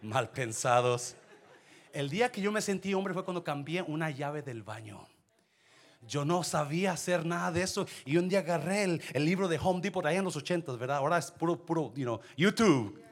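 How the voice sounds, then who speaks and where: Animated bilingual male pastor preaching. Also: fairly high pitch, moderate pace. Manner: animated preaching, switching between Spanish and English. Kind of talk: sermon.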